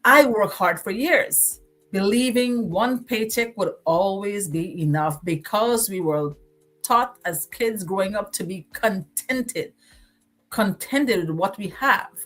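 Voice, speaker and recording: A woman's voice: mid-range voice, slow pace, fairly bright tone, faint music behind. Guyanese woman hosting a motivational livestream. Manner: preachy, repeats phrases for emphasis. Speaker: livestream host.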